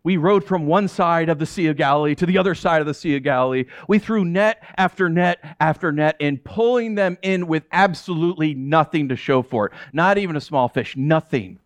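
A male pastor delivering a dramatic first-person sermon, telling the story in character and swinging between hushed and exasperated. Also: a little high, a little fast, hardly any pauses, no room sound. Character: the apostle Peter telling his own story.

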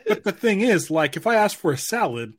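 A man co-hosting a podcast, talking in a halting, joking way with many repeated words. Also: high-pitched, very animated, slightly rough. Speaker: podcast co-host. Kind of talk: casual chat.

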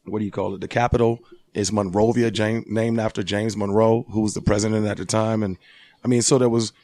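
A man's voice: on the low side, brisk, no room sound. A man in his forties from Liberia, a boxing gym owner telling stories in a casual interview and laughing often, recorded in a gym. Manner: laughing, animated storyteller.

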